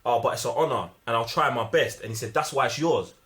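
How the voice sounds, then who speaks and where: A film review panellist with a London British accent chats casually and eagerly about movies, packing in slang and repeating himself for emphasis. His voice is medium-pitched and fairly bright, and he talks fast. There's slight background noise.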